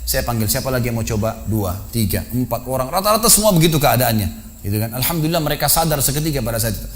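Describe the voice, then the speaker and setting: A middle-aged man with an Indonesian accent preaching a sermon in a mosque, telling a story and swinging from loud urgent warnings to low, quiet narration. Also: lively intonation, quick pace. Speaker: Islamic preacher. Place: large mosque.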